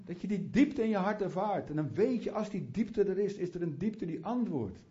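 Male preacher, fervent and chatty, slightly high voice with a mellow tone, muffled lo-fi recording. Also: expressive, moderate pace. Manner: fervent, rising to prayerful fervor; chatty asides, restarts. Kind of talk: sermon. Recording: muffled lo-fi sound.

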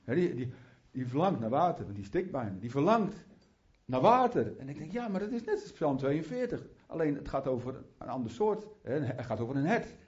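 A man's voice: mid-range voice, very animated, brisk, hardly any pauses, a little mellow. A man preaching a sermon in a fervent, conversational way, with chatty asides and restarts, often rising into heartfelt prayer. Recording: muffled lo-fi sound.

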